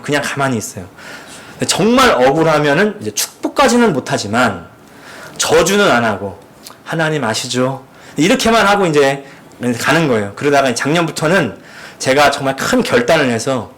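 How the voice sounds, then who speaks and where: A man in his thirties, a pastor, preaching a sermon, telling a personal story and acting out prayers and inner thoughts. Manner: acts out quoted prayers and thoughts with sudden pitch jumps; storytelling, asks the congregation rhetorical questions.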